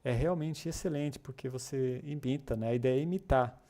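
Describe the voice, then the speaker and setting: Chatty man with a mellow voice. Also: medium pitch, normal speed. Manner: chatty, encouraging, many filler tags and restarts. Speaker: English class host for a developer community. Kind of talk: casual live-stream lesson reading chat comments.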